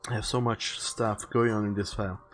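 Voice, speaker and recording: A man illustrating a visual novel on stream muses casually about his artwork plans, rambling and restating ideas while music plays. His fairly low voice is flat in delivery, fairly quick, and somewhat bright in tone.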